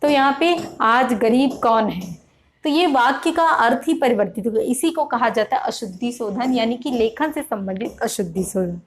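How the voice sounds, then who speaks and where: A woman teaching an online grammar lesson, explaining patiently, repeating words slowly to stress their spelling, often checking in with "theek hai". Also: on the high side, animated, slight background noise. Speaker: Hindi teacher. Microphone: computer or phone mic, online class.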